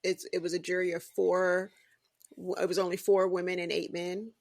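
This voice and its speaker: A woman co-hosting a podcast, talking in a relaxed, conversational way with many fillers. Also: on the low side, normal speed. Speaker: podcast co-host. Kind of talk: casual chat.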